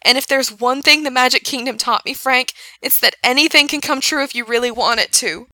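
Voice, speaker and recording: Woman doing desperate young man, pleading, shouting, high pitch, bright tone. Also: slow pace, no echo. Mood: fierce. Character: young man, desperate, fiercely loving rescuer.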